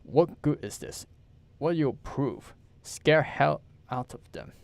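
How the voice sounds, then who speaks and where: A man's voice: a little high, animated, takes it slowly, gravelly, darkish tone, no echo, heavily acted. A man reading as an anxious older man hissing urgent warnings.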